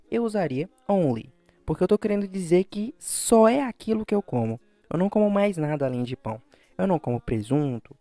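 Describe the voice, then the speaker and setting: Lively-voiced teacher, patient and clear. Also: male voice, a little high, dry recording. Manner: patient, spells out phrases slowly and repeats them as models. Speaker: English teacher. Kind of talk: language lesson explanation.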